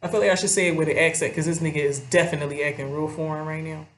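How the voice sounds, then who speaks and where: A woman's voice: low-pitched, fairly even intonation, rapid-fire. A young woman giving casual commentary to her viewers, rambling and swearing freely as she talks straight to them. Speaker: vlogger. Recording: roomy echo.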